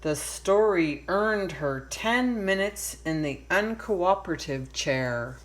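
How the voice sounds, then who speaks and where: A woman narrates a children's storybook aloud. Her voice sits slightly low, and she takes her time, reading with deliberate expression. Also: lively intonation, low-quality recording. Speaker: storybook reader.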